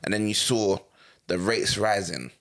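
A man's voice: lowish voice, a little slow, a bit bright. A young man with a London roadman accent, chatting casually in heavy street slang and repeating himself for emphasis.

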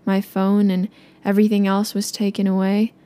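A young woman, a native Tagalog speaker, narrating a personal story in a soft, subdued way. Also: medium pitch, monotone, moderate pace.

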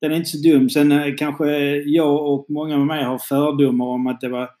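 A man's voice: on the high side, little pitch movement, warm tone. A man with a Scanian Swedish accent hosting a casual podcast chat, leading segments with a joking announcer tone. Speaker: podcast host. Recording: roomy echo.

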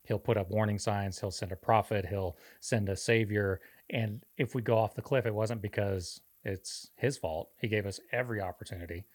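In a casual podcast conversation about faith, a male co-host talks in an earnest, almost preacherly way. His fairly low voice is steady, at normal speed with few pauses.

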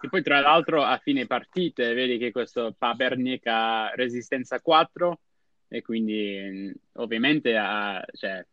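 A man of average pitch talks through football plays casually as a panelist. The sound is very dry and slightly dull, with a lo-fi edge. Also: unhurried, bright, forceful tone, dry recording. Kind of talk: casual sports analysis chat.

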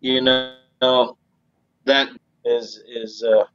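A man's voice: mid-range voice, little pitch movement, very slow. A man chatting as a podcast guest in a laid-back, rambling way over a laggy internet call, his volume dipping in and out. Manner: laid-back, rambling with frequent "you know what I mean". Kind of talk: casual interview chat. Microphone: remote call connection. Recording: dull lo-fi internet call audio.

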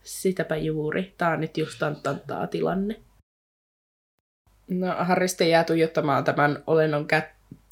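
Woman casually retelling a story. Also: sits low. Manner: rambling retelling with frequent fillers. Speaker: podcast co-host. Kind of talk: casual book discussion with read-aloud passages.

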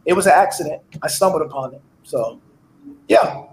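High lively man in an echoey room. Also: normal speed, slight background noise. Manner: lively, storytelling, hustler bravado. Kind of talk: casual chat.

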